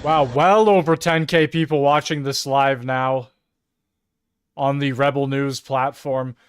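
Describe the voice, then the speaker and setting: A man's voice: medium pitch, steady tone, unhurried, slight background noise. A man hosting a political livestream, giving sarcastic commentary. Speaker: livestream host. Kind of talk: casual live commentary.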